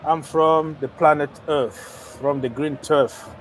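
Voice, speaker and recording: A man's voice: a little high, fairly even intonation, slow pace, a little hiss or hum. A young man hosting a casual football livestream, joking around and talking straight to his viewers. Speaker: livestream host of a football channel.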